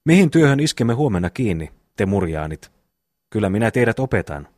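A man reads out a hot-headed eldest brother in a storybook, bossy and blustering, his voice pitched low. It is recorded dry and close, with no room sound. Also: big pitch swings, a little mellow, dry recording. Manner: blustering, commanding.

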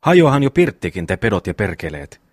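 A man reads a pious, fretful brother who scolds the others. The voice is low and swings widely, recorded dry. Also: very animated, breathy edge, no room sound. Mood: scolding.

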